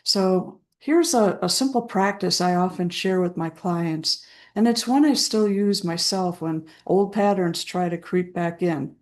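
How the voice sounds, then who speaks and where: A woman speaking as a trauma recovery coach, guiding listeners through a self-help practice in a gentle, soothing way with deliberate pauses. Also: on the low side. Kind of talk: slow guided self-help talk.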